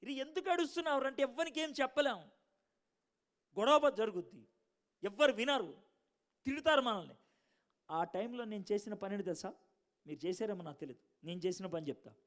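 A man preaching a sermon to a congregation, telling stories and swinging from loud bursts to hushed asides. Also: high voice, brisk, pauses often.

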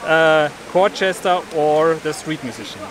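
A man's voice: fairly high pitch, expressive, unhurried, very noisy. A man, a co-host quizzing tourists outdoors in a playful, jokey way. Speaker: co-host and quiz master. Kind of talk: street interviews, casual quiz. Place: busy city square outdoors. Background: loud crowd.

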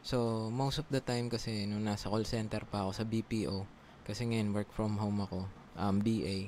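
A man's voice: lowish voice, fairly even intonation, moderate pace, a little mellow, a little hiss or hum. A man from the Philippines with a Filipino accent, a former call center agent, chatting casually to viewers at his home computer, with lots of fillers. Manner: chatty, many fillers, talks to viewers as guys. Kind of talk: casual tutorial vlog.

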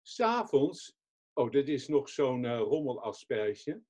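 A man, a society chairman, giving a webinar talk from notes in a measured reading voice with small restarts, over a computer mic. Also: mid-range voice, very animated, darkish tone, husky.

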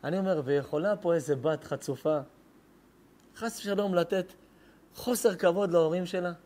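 A man, a rabbi, telling an emotional story in a sermon, with sudden swings from hushed to loud. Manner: dramatic, retells dialogue with sudden swings in loudness and pitch. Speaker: rabbi giving a lesson. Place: synagogue lesson hall.

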